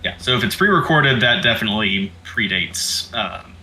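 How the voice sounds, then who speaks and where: Casting: man with a very bright, sharp voice, thinking out loud over a game. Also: on the low side, expressive, normal speed, soft background music, poor audio. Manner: reasoning aloud, fact-checking. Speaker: co-commentator. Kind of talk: casual let's-play chat.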